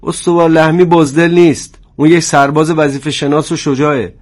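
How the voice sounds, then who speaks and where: A man voicing a wounded army captain who protests forcefully and stays defiant. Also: a little high, level tone, pitched above the performer's own voice, lightly acted. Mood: indignant.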